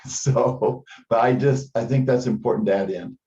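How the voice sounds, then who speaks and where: A man with a mid-range, mellow voice talks informally at a moderate pace as a teleconference participant, often repeating a word as he goes. The conference call audio is dull and band-limited.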